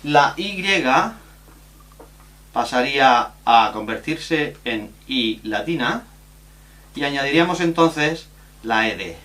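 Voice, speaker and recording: A man from teaching a recorded grammar lesson, explaining rules slowly and spelling out letters and examples. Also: medium pitch, lively intonation, fairly bright tone.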